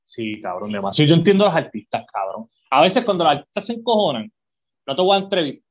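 A man's voice: on the high side, fast talker, muffled recording. A man co-hosting a podcast, telling stories with lots of swearing. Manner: profane, animated storytelling. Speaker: podcast co-host. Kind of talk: casual chat.

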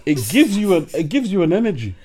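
A man co-hosting a casual chat, animated, laughing often, pressing his points with a preacher's emphasis. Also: high-pitched, fast.

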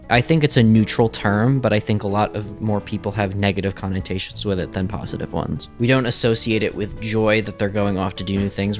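A low-voiced man chats as a podcast guest in a hesitant way, peppering his talk with "like." Faint music sits underneath. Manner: hesitant, lots of "like" fillers. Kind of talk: casual chat.

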